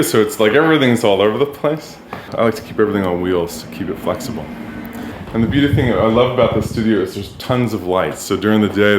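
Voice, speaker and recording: A middle-aged man speaks in a fairly low voice and tells stories from his life in a relaxed, chatty way. He is an artist and talks from his own studio, which gives the recording a roomy echo. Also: background noise. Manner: relaxed and chatty, with many fillers. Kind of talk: casual personal storytelling.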